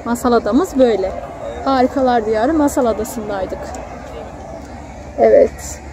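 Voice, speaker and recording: On a handheld phone at an outdoor theme park, a woman vlogs her family outing, talking casually with her child and pointing things out. She speaks at a measured pace in a voice on the high side. A crowd can be heard behind her amid the outdoor ambient noise.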